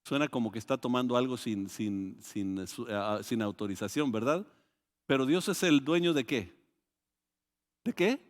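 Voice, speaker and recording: A man with a Mexican Spanish accent preaching a sermon, animated and full of restarts, acting out quoted voices with sudden loud rises. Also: medium pitch, normal speed. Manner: hesitant restarts and repeated words. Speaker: pastor. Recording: long hall reverb.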